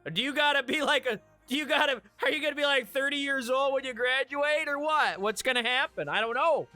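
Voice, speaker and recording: A man's voice: very high voice, a little fast, sharp tone, dry recording, soft background music. A man from Michigan chatting casually with viewers on a live stream, joking and laughing at his own remarks.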